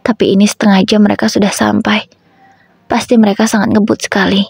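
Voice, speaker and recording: A woman narrating a sorrowful first-person family story in a slow, reflective way. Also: medium pitch, level tone, creaky, darkish tone, husky, dry recording, clean studio sound.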